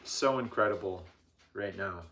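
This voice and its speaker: A man's voice: low-pitched, measured pace, background noise. A middle-aged man hosting a live cooking stream from his home kitchen, rambling and self-deprecating with lots of ums. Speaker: livestream host. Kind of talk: casual live cooking chat.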